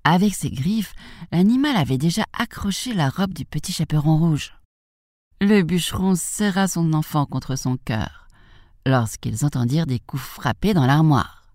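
A woman reading a fairy tale aloud for young children, in a lively, expressive way. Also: low-pitched, a little slow, dry recording, studio quality. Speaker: storyteller.

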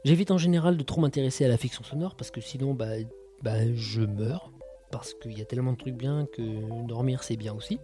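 A man hosting a podcast, reviewing audio shows with a mellow, relaxed voice. He talks casually and sardonically, full of quips. Faint music plays behind him. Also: mid-range voice, fast, few pauses. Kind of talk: casual chat.

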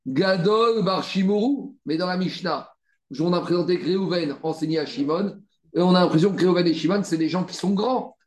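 A man teaching a Talmud study class, animated and repetitive, rallying his students with frequent asides. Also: high voice. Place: study room with students, also streamed on video call. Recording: echoey room.

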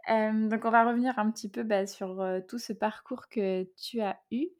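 A woman's voice: a little high, fairly even intonation, moderate pace. A woman hosting a casual podcast interview, chatty and laughing easily, with lots of fillers. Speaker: podcast host.

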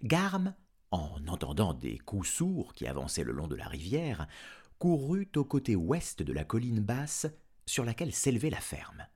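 A man narrating a novel aloud as an expressive audiobook reader. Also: on the low side, unhurried, breathy edge. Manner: expressive, lively reading. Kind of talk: audiobook storytelling.

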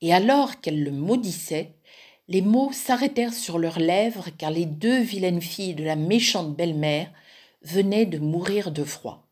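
A woman reading a fairy tale aloud as a museum storyteller, measured and expressive. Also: lowish voice, slightly rough.

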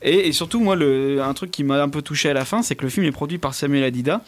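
A male film critic in relaxed conversation, his speech loose and rambling. His voice sits a little high. He stops and restarts often as he talks. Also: fast. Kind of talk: casual film review chat.

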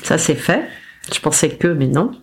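A woman appears as a podcast guest in a casual storytelling interview, recounting her experience in a lively, animated way. Speaking at normal speed in a low voice, she acts out her own lines with self-mocking humour.

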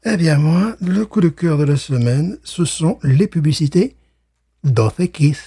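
A man's voice: on the high side, a little slow, husky. A middle-aged man co-hosting a podcast in casual chat, stammering and repeating words as he tells stories with laughs. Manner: animated storyteller, laughs while telling. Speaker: podcast co-host.

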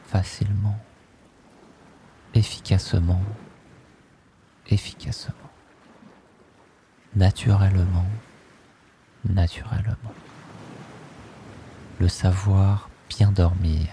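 Very slow deep-voiced man guiding sleep. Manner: soft, drawn-out, repeating words hypnotically. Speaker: sleep meditation guide. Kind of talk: slow guided sleep hypnosis narration. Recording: steady ocean wave noise behind. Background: ocean waves.

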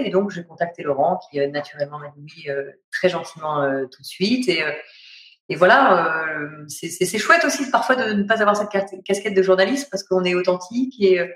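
A woman's voice: on the low side, a bit bright, roomy sound. A woman from France, an author, speaking as a guest in a casual interview from home and talking in a reflective way with many hesitations. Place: at home during lockdown.

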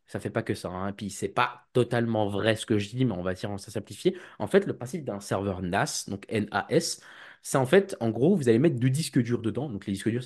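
A man's voice: lowish voice, darkish tone. A man working in IT and cybersecurity, talking casually on a podcast, rambling and acting out little scenes. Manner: rambling, with restarts and playful acted quotes. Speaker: IT and cybersecurity guest.

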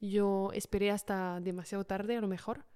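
A woman's voice: mid-range voice, little pitch movement, normal speed, warm tone, smooth. A woman, a podcast co-host telling a personal story in a casual, hesitant way with many fillers.

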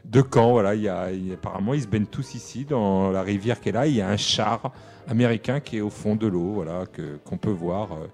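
A man's voice: lowish voice, a little fast, darkish tone. Easygoing male co-host, conversational, faint music in the background. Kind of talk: casual chat.

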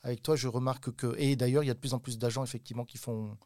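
A middle-aged man from southwest France talks through an interview as a talent agent. He stops, hedges and restarts often, his voice sitting at an ordinary pitch. The sound is dry and close, with no room around it. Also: fairly even intonation, rapid-fire, darkish tone, dry recording. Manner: hesitant, many fillers and restarts. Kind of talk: casual interview talk.

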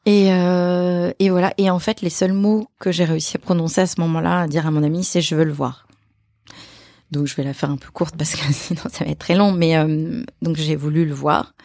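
Woman guest, deep voice, gravelly, halting and repeating herself, dry close sound. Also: level tone, a little mellow, dry recording. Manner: halting, repeats phrases, many fillers. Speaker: guest, actress and author. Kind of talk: personal storytelling in a podcast interview.

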